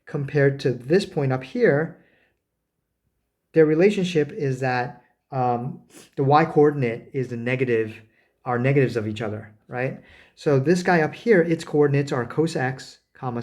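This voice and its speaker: A man giving a math lecture, talking as he draws, with many fillers, self-corrections and quick "right?" checks. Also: a little high, a little mellow. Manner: talks while drawing, frequent fillers and self-corrections; rhetorical "right?" checks with students. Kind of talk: recorded lecture at a board.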